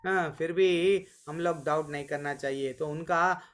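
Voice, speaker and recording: A man teaching a scripture class online, telling stories and slowly chanting verses. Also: a little high, fairly even intonation, fairly bright tone. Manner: storytelling, voices quotes of deities and sages. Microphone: online call.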